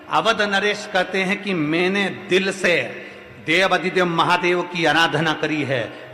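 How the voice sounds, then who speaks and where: A man's voice: a little high, sharp tone. A man telling a devotional scripture story as a sermon, repeating his phrases in a chant-like way. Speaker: religious storyteller. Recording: echoey reverberant hall.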